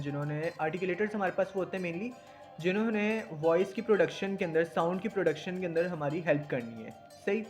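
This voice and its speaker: A young man teaching in a casual discussion, explaining step by step and often checking that listeners follow. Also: high-pitched. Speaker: teacher explaining language acquisition.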